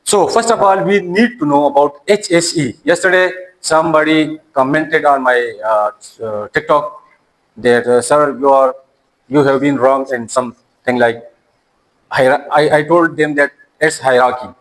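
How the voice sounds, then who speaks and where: A man's voice: on the high side, a little slow, a bit bright, low-quality recording. A man, an Urdu speaker, teaching a classroom lecture and often repeating and restarting his words.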